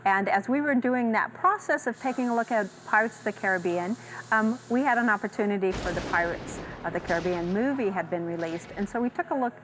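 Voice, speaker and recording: A woman's voice: mid-range voice, a little fast, fairly bright tone, slight background noise, low-quality recording. A woman on a theme park project team, explaining the work in a documentary.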